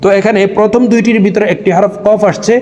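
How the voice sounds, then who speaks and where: A man in a recitation lesson, spelling out letters and vowel marks one at a time with patient care. His voice sits a little high. A long hall reverb trails behind every phrase. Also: flat delivery, fast, mellow, a little hiss or hum. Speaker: Quran reading teacher.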